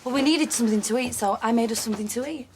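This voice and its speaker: An actress playing a sharp-tongued, defensive wife in a heated row in a TV soap. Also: female voice, fairly high pitch, very fast, a little hiss or hum, natural voice. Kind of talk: soap opera acting.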